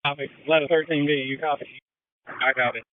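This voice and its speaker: Fast-talking male firefighter on narrow radio. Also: on the high side, steady tone, no room sound. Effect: two-way radio. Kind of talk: terse emergency radio talk. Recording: thin narrow-band radio transmission.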